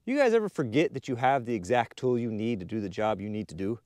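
A man's voice: medium pitch, animated, quick pace, a little mellow, no room sound, clean studio sound. A young man chatting casually while he builds a barn outdoors, explaining each step as he works. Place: outdoor wooded building site. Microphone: action camera mounted near the work.

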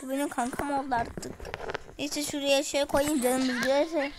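Excitable high-voiced woman gamer. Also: measured pace, noisy background. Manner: excitable, exclaiming, talking to viewers. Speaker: gaming streamer. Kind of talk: casual gameplay commentary. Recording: music playing in the background.

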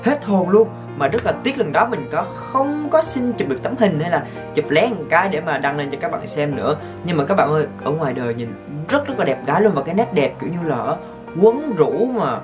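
A man, telling stories to his viewers as a vlogger in an excitable, gushing way. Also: a little high, brisk, over music. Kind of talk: casual storytelling to viewers.

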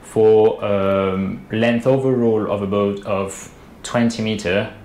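On a video call from an indoor room, a boat designer in his thirties gives interview explanations in a slow, fairly even voice that sits on the low side and sounds a little mellow. He hesitates often, with many fillers and restarts. Faint hiss runs through the roomy webcam audio.

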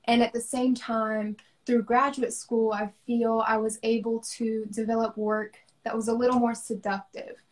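Her voice is fairly high and flat, at normal speed with few pauses. She is a young woman from the American South, an artist thoughtfully discussing her work on a casual livestream video call, often filling gaps with "um."

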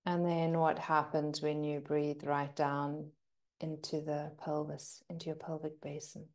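This breathing-meditation guide speaks low, with little movement in her pitch. She sounds gentle and soothing and lets silences stretch out.

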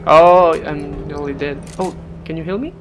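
A let's play gamer commenting casually on gameplay, excitable and joking, with yelps and non-native English phrasing. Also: mid-range voice, normal speed. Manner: excitable, yelps and laughs, jokey asides. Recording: game music and gunfire under the voice.

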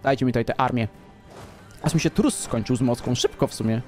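A man's voice: mid-range voice, a little fast, darkish tone, faint music behind. A man commenting casually on his own strategy game play, boastful and playful, talking straight to his viewers. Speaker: gaming commentator.

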